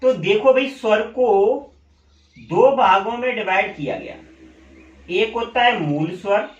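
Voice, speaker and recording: A male teacher giving a classroom lesson, asking questions and answering them himself, and repeating key terms slowly. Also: high voice. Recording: echoey room, dull lo-fi sound.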